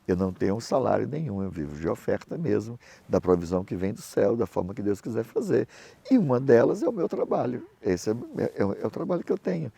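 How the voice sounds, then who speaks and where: A man's voice: fairly low pitch, vocal fry, breathy edge, no room sound. A middle-aged man, a pastor and missionary, preaching and telling anecdotes, acting out the people he quotes in his stories. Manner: animated storytelling, acts out other voices in quotes.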